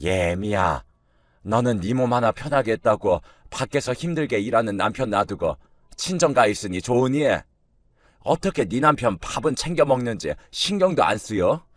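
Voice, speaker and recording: A man's voice: medium pitch, lively intonation, normal speed, no room sound, lightly acted. A nagging older mother-in-law, scolding and reproachful, her voice lifted a little above the reader's own and sounding set apart from the narration, as a male narrator puts her on. A dry, close storybook reading.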